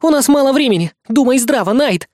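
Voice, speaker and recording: Ruthless young female partner, insistent and commanding, pitched up, read by a man. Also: fast talker, darkish tone, no echo, clean studio sound, natural voice. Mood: urgent insistent. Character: cold, pragmatic young woman, a ruthless race partner.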